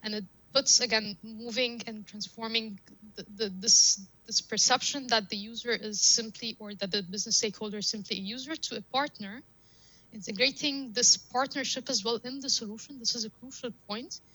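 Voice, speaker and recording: With a slightly high voice, a steady and sharp tone, and normal speed, a female data scientist whose first language is Arabic appears as a podcast guest. She explains her thinking using examples and recurring phrases in an interview captured on a low-quality recording.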